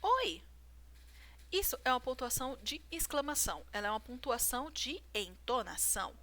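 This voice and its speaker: Animated and a bit fast, a writing teacher with a high, sharp voice talks a viewer through grammar rules example by example. She keeps asking "certo?" to confirm they're following along.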